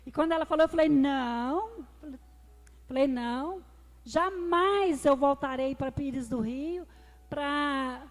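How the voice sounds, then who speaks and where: High-voiced woman testifying in a church. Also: slow. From Brazil. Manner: emotional storytelling, addresses the congregation as brothers. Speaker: deaconess giving a testimony. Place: church hall. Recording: reverberant church hall with music.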